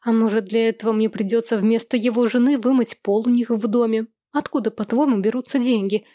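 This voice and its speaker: A bitter, half-mad mother at the end of her rope, spitting accusations and threats, as a woman narrator voices her. The voice sits a little high for a woman and is recorded dry and close, with no room sound. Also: fairly even intonation, brisk, dark tone, dry recording, lightly acted. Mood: bitter despair. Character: desperate furious mother, middle-aged woman, bitter and hysterical.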